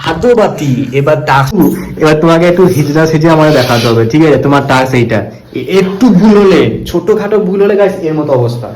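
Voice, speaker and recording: High-voiced man in a roomy echo. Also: expressive, quick pace, a little mellow. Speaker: challenge vlogger. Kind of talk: casual prank-challenge chat among friends. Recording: roomy echo, some background noise.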